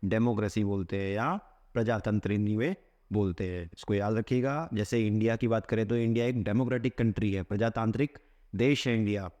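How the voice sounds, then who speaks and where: A man teaching vocabulary for competitive exams. He asks a question, answers it himself, and reads English phrases slowly, word by word. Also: lowish voice, steady tone, a little mellow. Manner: asks a question, then answers it with a repeated keyword. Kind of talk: explaining a vocabulary lesson.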